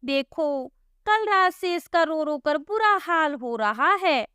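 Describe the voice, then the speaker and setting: A woman's voice: sits high, animated, slow pace, pushed and bright, no echo, studio quality, pitched above the performer's own voice, exaggerated voice. A woman voicing a flustered, simple middle-aged village man who earnestly pleads with a policeman in a storybook tale. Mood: pleading. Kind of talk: storybook voice acting.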